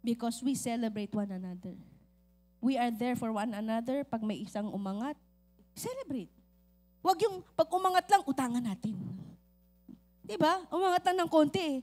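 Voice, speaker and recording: A high-pitched woman preaches with a light touch, joking and acting out short scenes from family life. Faint music plays beneath her sermon. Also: normal speed. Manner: lively, joking, acts out voices in stories. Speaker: pastor.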